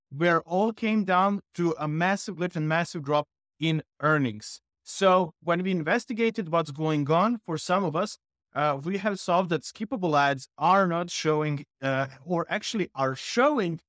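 Male guest, English, fairly high pitch, dry sound, explanatory with frequent fillers. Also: a bit bright, dry recording. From Serbia. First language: Serbian. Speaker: guest YouTuber.

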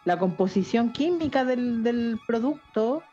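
A woman's voice: on the high side, lively intonation, measured pace, warm tone. A young adult woman with a Chilean accent, chatting casually as a podcast co-host, joking and rambling in heavy slang. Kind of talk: casual chat. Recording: dull lo-fi sound with faint music.

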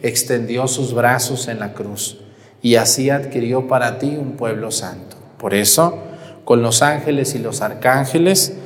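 A priest leads Mass in a large church, reciting the liturgy in a solemn, measured cadence. His voice sits at an ordinary middle pitch. Each phrase rings out with a long cathedral echo. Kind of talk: celebrating Mass.

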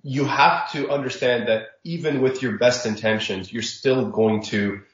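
A man who was born in Saudi Arabia, giving reflective, measured interview answers as a startup founder. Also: medium pitch, steady tone. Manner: reflective, measured, sprinkles religious phrases. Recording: roomy, dull lo-fi audio.

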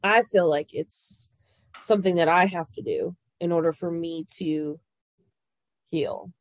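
A woman's voice: fairly low pitch, fairly even intonation, a little slow, dry recording. A woman co-hosting a podcast, a mother giving earnest, blunt advice in casual chat. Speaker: podcast co-host.

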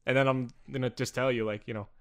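A man's voice: medium pitch, fairly even intonation, fast, smooth. A young man co-hosting a podcast, rambling and teasing with lots of fillers in crude casual banter. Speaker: podcast co-host.

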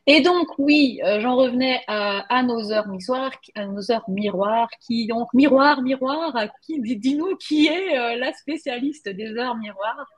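A woman with a French accent hosts a relaxed chat, wandering through her thoughts with many "euh"s and little laughs. Her voice is fairly high and a little husky. She is on a video call. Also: unhurried, hardly any pauses. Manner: rambling, hesitant, often laughing. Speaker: podcast host, tarot reader. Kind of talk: casual group chat.

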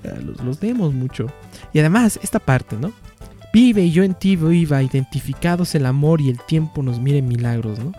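Expressive Mexican man reading poetry. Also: a little high, normal speed. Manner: expressive, swinging between soft and loud, animated asides to viewers. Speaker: poetry reader and commentator. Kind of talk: reading a baroque poem aloud, then casual commentary. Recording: long reverb with faint music.

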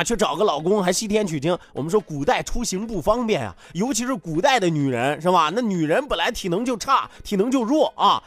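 A man's voice: high-pitched, fairly bright tone. A man hosting a radio show, telling a folk tale for laughs, chuckling and asking tag questions as he goes. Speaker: radio host. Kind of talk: comic folk-tale storytelling.

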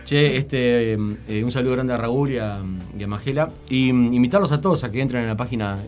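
A man with a Uruguayan accent hosting a casual radio show, rambling through jokey shout-outs to friends and sponsors in a studio. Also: mid-range voice, brisk, soft background music. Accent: Uruguayan Spanish.

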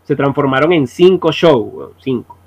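A man's voice: medium pitch, expressive, moderate pace, darkish tone. A man with a Venezuelan accent in casual chat, telling band stories with heavy slang and acting out the voices of people he quotes. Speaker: musician guest.

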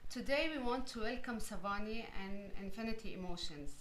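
Woman host, mid-range voice, halting questions with lots of "like". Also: mid-range voice, expressive, fairly bright tone, slight background noise. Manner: halting, many "like" and restarts. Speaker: radio host. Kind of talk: hosting a community radio interview.

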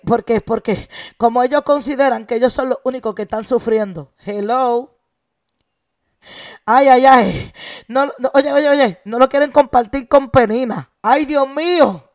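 Woman pastor, impassioned repeating sermon delivery, high gravelly voice, dry close sound. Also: no echo. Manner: impassioned, repeats phrases, exclaims and speaks in tongues. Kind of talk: fervent live-streamed sermon.

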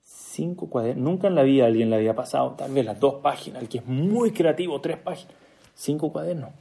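Mellow-voiced man telling a sermon story. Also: medium pitch, animated, fairly quick, vocal fry. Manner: storytelling, with joking asides to listeners; acts out quoted dialogue. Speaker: speaker giving a religious talk.

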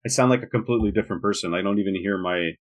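A man's voice: fairly low pitch, rapid-fire. A man from Montreal hosting a podcast interview, casual and hesitant, often restarting his sentences. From Montreal, Quebec. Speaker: podcast host.

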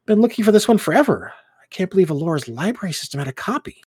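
A man's voice: high-pitched, very animated, very fast, a little mellow, husky, no echo, studio quality, pitched above the performer's own voice, exaggerated voice. A man voicing a shy, awkward young male student who stammers and hesitates. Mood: awkward, hesitant.

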